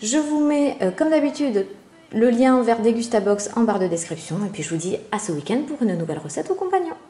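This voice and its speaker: A woman's voice: on the high side, big pitch swings, fairly quick, mellow. Chatty woman unboxing, hesitant fillers. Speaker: food vlogger reviewing a subscription box. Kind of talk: casual unboxing review. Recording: roomy echo.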